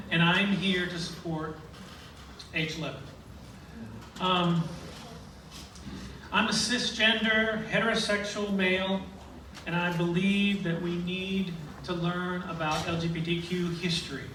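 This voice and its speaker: A male minister offers a measured, earnest public comment at a board meeting in a voice pitched high for a man. He is far from the microphone in a very echoey, noisy hall. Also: steady tone.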